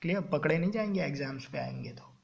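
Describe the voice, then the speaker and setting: A man coaching exam students on English grammar in Hindi mixed with English terms, often checking "clear?" as he goes. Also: fairly high pitch, animated, fast, muffled recording. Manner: keeps checking understanding with "clear?" and "ok". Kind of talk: classroom-style exam coaching lecture.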